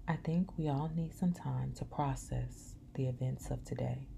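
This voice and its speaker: A woman reading the lines of a calm middle-aged male pastor in a storybook. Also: mid-range voice, unhurried, vocal fry, slight background noise.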